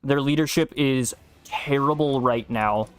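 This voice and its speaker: A man's voice: mid-range voice, measured pace, background noise. A young man streaming a game and chatting casually, blunt and profane, bantering with his co-host. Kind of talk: casual chat while gaming.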